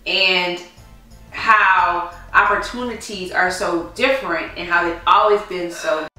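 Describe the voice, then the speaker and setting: An outspoken woman co-host speaking with emphasis in a bright, forceful tone. She sounds distant in a very echoey room, with faint music under her. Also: lowish voice, fairly even intonation, a little slow. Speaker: podcast co-host. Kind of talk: casual chat. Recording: echoey room, mic far off.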